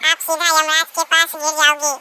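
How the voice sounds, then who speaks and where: A woman's voice: high voice, monotone, pushed and bright, a little hiss or hum. A woman playing a cheeky daughter-in-law. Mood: defiant. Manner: cheeky, quick retorts. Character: sharp-tongued young daughter-in-law, cheeky and defiant. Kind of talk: comedy sketch.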